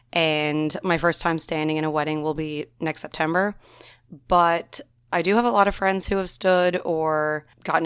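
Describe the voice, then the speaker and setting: This Newfoundland podcaster talks on her own show, casual and meandering, sprinkling in ums and likes. Singing has left her slightly raspy, yet her low-for-a-woman voice stays smooth, clear, and a bit bright, captured up close and dry without any room around it.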